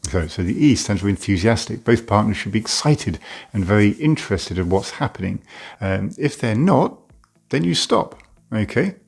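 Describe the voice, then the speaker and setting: A man with a deep, low-pitched voice gives a plain-spoken educational talk as a doctor. His tone has a gravelly, creaky texture, and he states things bluntly, padding the pauses with "uh". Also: animated. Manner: frank, plain-spoken, many "uh" fillers.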